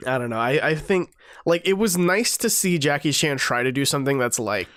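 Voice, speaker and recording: A man's voice: a little high, animated, a little fast, fairly bright tone, no echo, clean studio sound. A young man co-hosting a podcast, talking about a film in a laid-back, hesitant way with many fillers. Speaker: podcast co-host. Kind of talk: casual film review chat.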